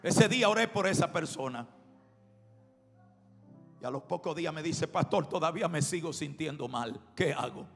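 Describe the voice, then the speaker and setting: A male pastor preaching a sermon with impassioned shouting and storytelling. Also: a little high, lively intonation, moderate pace, pauses often. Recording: reverberant hall with music behind.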